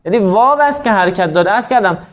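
A man's voice: sits high, expressive, muffled recording. A man teaching a grammar class, explaining each rule step by step and quizzing his students as he goes. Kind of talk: classroom lecture.

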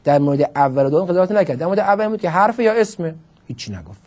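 A man's voice: high-pitched, darkish tone. A man teaching Arabic grammar in a classroom lecture, explaining the text line by line with questions and emphatic stresses.

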